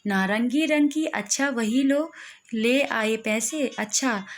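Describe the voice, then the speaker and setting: A woman voicing a kindly middle-aged male flute seller who coaxes children warmly. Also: on the high side, takes it slowly, faint music behind. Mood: coaxing. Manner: warm, coaxing, playful.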